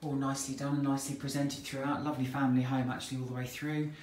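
Speaking rapid-fire at medium pitch, an English estate agent narrates a tour through a detached house and out into the back garden. It's easygoing, chatty, plain sales talk captured on a handheld phone camera, with faint hiss behind it.

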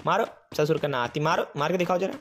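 Excitable male gamer with game gunfire behind. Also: fairly high pitch, fast talker, slight background noise. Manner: excitable, teasing enemies, rambling chatter. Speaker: gaming streamer. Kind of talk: live gameplay commentary.

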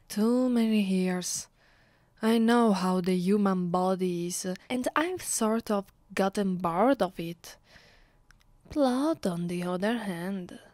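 In an ASMR roleplay, an Italian woman voices an imperious, mocking ancient vampire mistress, speaking slowly and haughtily with deliberate pauses and frequent breathy whispers. Her mid-range voice is a little mellow and lightly acted. The close, dry microphone picks up no room sound, suiting the slow, intimate delivery of this ASMR voice actress.

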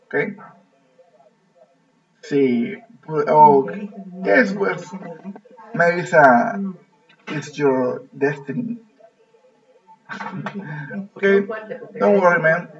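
A man's voice: on the high side, very slow, pauses often, slightly rough, recorded from a distance, lo-fi sound. A man teaching an online English class, repeating phrases patiently and coaxing his students. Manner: repetitive, coaxing, laughs often.

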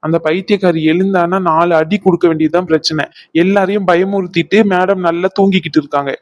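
A young male doctor who reassures his anxious family and teases his sister, as a cartoon performer voices him. His tone is steady and plain. The recording is dry, with no room around it. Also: mid-range voice, fast talker, no echo, close to an everyday voice. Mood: reassuring. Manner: reassuring, bossy at times. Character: calm young male doctor, teasing brother. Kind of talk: cartoon voice acting.

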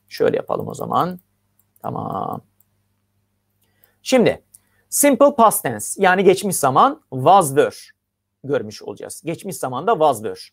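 An English teacher giving an online grammar lesson over slides, reading each example slowly and then translating it, and asking the class questions as they explain step by step. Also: medium pitch.

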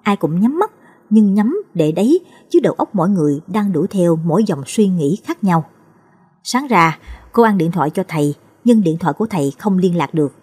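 A woman telling a ghost story as scripted narration, voicing the characters' lines with shifts in pitch. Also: animated, brisk, warm tone, husky.

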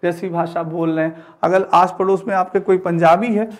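A man in his thirties explains lesson content for an exam-prep class, repeating phrases and asking rhetorical questions, from an indoor studio with a digital teaching board. His voice sits high, holds a steady tone and moves at normal speed.

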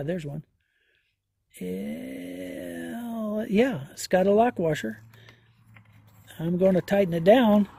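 A man doing a hands-on repair walkthrough outdoors, talking slowly and folksily with many fillers as he thinks aloud. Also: a little high, creaky, a little mellow, breathy edge, dry recording. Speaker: homesteader vlogger. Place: outdoors in a yard.

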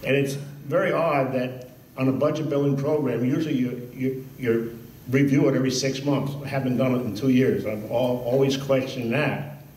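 A man's voice: medium pitch, steady tone, moderate pace, a little mellow, slight background noise. An older man at a public hearing, reading out dates and amounts at a podium mic. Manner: reads a list of dates and sums. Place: large hall. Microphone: podium mic on a stand. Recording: echoey hall from far off.

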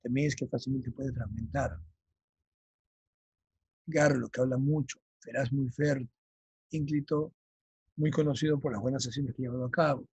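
A male teacher explaining vocabulary for an exam, often checking in with his students and slowly dictating key terms. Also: medium pitch, fairly even intonation, darkish tone, slightly rough, dry recording, highs cut off. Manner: checks understanding with frequent "ya?". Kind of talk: vocabulary lesson for exam prep.

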